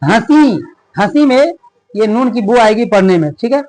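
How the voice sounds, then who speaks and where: High-voiced man teaching a reading lesson. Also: darkish tone, poor audio. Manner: reads text slowly, then explains quickly. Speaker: religious teacher. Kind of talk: reading lesson aloud with explanations.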